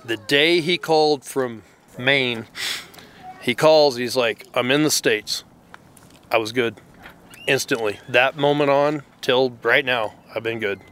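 A middle-aged man, father of a Marine, telling an emotional story in a blunt, halting way and cursing freely. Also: medium pitch, fairly bright tone, clean tone.

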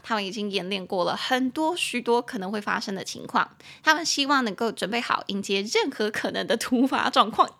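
Young female English-lesson host: playful, animated, slows down to drill words. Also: medium pitch, vocal fry. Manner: playful, giggly, spells and repeats English words slowly. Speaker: English teacher and podcast host.

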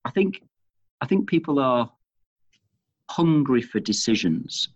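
A middle-aged man from England with a Manchester accent, the head of an organization, answers interview questions on leadership, often repeating words while he works out his point. His medium-pitched voice is very animated and slow, and the recording is muffled.

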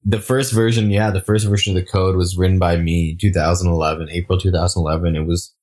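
A man's voice: deep voice, quick pace. A man who grew up in Singapore, a startup founder talking casually in an interview, full of fillers and restarts. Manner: relaxed, frequent fillers and restarts.

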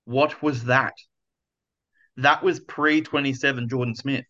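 A man's voice: mid-range voice, fairly even intonation, unhurried, sharp tone, dull audio. A man with an Australian accent, a podcast guest, talking in an enthusiastic, rambling way. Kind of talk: casual interview chat.

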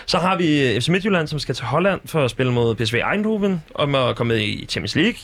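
En mand, der som vært gennemgår kampprogrammet i en afslappet snak med mange fyldord. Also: male voice, fairly high pitch, lively intonation, fairly bright tone. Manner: listing results, many fillers. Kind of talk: casual chat.

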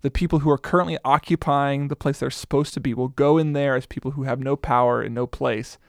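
A man with a gravelly, mid-pitched voice reads Bible verses aloud in a casual podcast chat. He drops in short remarks between the passages. The sound is dry and close to the mic. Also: fairly even intonation, a little fast, no echo. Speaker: podcast co-host.

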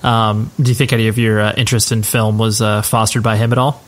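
A man's voice: lowish voice, little pitch movement, fast. A man hosting a casual podcast interview, asking questions in a chatty, rambling way and affirming often with "right, right".

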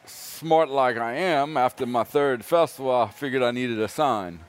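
A man's voice: mid-range voice, moderate pace, soft background music. A man from south Louisiana, a restaurant owner and cook, talking casually in an interview, jokey and laughing often.

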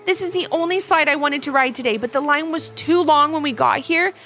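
A woman voicing an eager, determined young girl in a children's story, high and excited, pleading hard to get her way. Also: fairly quick.

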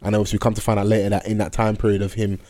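A man's voice: lowish voice, flat delivery, rapid-fire, mellow. A man with a London accent chatting casually as a podcast host, in slang-heavy roadman street talk. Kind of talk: casual chat.

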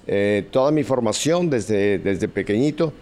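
A man's voice: lowish voice, expressive, measured pace, darkish tone. An older man from Mexico City, a guest telling stories about his childhood with a jovial, joking manner. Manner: jovial storyteller, laughs at own jokes. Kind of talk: conversational interview.

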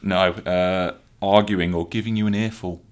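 A man's voice: low-pitched, fairly even intonation, moderate pace. A man with a Birmingham accent hosting a casual football podcast, running a jokey quiz. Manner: jokey quiz-master, chuckles between words. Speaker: podcast host.

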